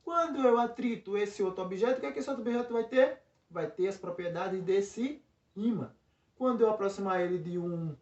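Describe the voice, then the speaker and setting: A man's voice: high-pitched, a little mellow. A Brazilian man teaching a physics lesson, stopping often to check that students are following. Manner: explains with frequent check-in tags and restarts. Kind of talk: recorded classroom lesson. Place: classroom by a board. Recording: roomy lo-fi sound from a distance.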